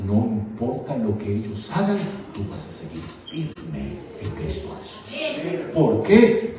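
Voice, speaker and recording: A male pastor preaching fervently, calling listeners brother and asking rhetorical questions, swinging from quiet lines to loud exclamations. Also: mid-range voice, slight background noise. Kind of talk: sermon. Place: church sanctuary. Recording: echoey church hall, distant mic, slightly dull.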